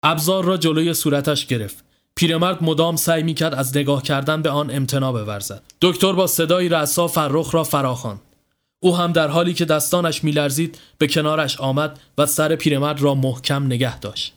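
A man narrating a scripted horror story in a steady, dramatic manner. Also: on the high side. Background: faint music.

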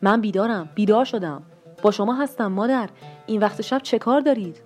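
A woman's voice: mid-range voice, darkish tone, faint music behind, pitched above the performer's own voice, close to an everyday voice. A woman voicing a tired, irritable young man in a read-aloud story, with a curt delivery. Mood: calling out.

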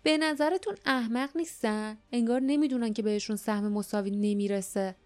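A woman voicing a quick-witted young male hero who talks loudly and taunts. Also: fairly high pitch, close to an everyday voice. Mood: taunting. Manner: loud, taunting.

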